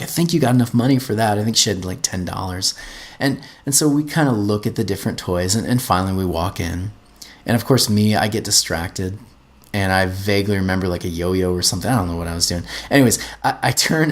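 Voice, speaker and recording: Earnest man telling a personal story. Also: on the low side. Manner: earnest, repeats words when excited. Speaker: podcast host.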